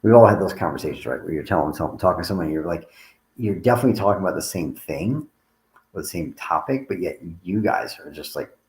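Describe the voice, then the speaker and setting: A man's voice: low voice, expressive, quick pace, a little mellow, roomy sound, rough recording. A tired man talking casually to livestream viewers as a coach, rambling and restarting his sentences. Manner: rambling, conversational, frequent restarts. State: tired, yawning.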